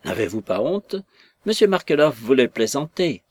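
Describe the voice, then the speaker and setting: Jovial joking young man, hearty, lively pitch, dry sound, acted by a man. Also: normal speed, no echo. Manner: hearty, laughing.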